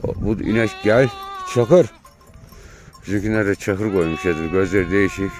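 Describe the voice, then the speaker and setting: A man, a shepherd, giving calm running commentary to his viewers while herding his flock on an outdoor pasture, recorded on a handheld phone. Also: low-pitched, fast, music in the background. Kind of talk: casual vlog narration while herding. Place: outdoor hillside pasture under overcast sky. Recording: outdoor noise with bleating sheep.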